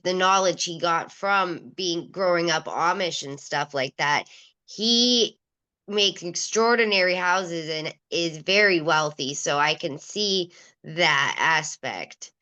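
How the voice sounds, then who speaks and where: Brief: woman host on a video call, relaxed and chatty, laughs easily, lowish pitch, bright tone. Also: rough recording. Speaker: interview host. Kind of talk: casual interview chat.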